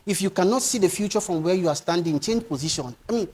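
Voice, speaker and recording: A middle-aged man with a strikingly high-pitched voice preaches to young people. He swings between loud, driving urging and quiet, pleading appeals. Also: lively intonation, fast talker, breathy edge. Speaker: motivational speaker. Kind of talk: motivational speech to young people.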